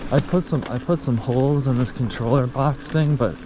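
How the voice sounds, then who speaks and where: A man out of breath and breathing heavily, giving casual, halting commentary while riding an electric bike outdoors. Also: medium pitch. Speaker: e-bike rider filming a test ride. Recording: loud motor buzz and outdoor noise.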